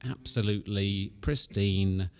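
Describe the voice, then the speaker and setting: A man's voice: lowish voice, fairly even intonation, unhurried, fairly bright tone, smooth. A man chatting casually on a conference panel, enthusiastic and rambling with restarts.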